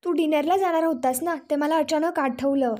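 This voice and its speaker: A woman narrator reading a jealous young woman who keeps pushing questions over the phone. The voice is high-pitched. It is read as quoted dialogue in an episode recap. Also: moderate pace, a little mellow, lightly acted. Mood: prying. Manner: insistent, prying.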